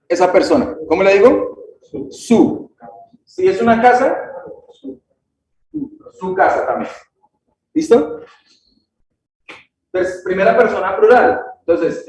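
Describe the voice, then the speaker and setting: A man with a high, slightly mellow voice teaches a grammar lesson in a church classroom, checking in with short questions and repeating key words. The room is echoey, the mic distant, and there is faint noise.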